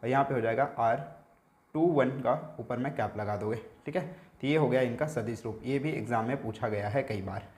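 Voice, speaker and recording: A male physics teacher at an ordinary mid pitch gives an exam revision lecture, recorded in a noticeably echoey room. He works through each step slowly and keeps checking that his students are following along. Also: darkish tone. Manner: explaining slowly, repeating himself with frequent "ठीक है" checks.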